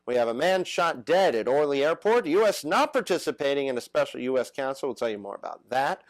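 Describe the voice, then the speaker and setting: A man's voice: medium pitch, very animated, no room sound, poor audio. A man hosting a political talk show, stopping often with "uh" between phrases. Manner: halting, many "uh" fillers.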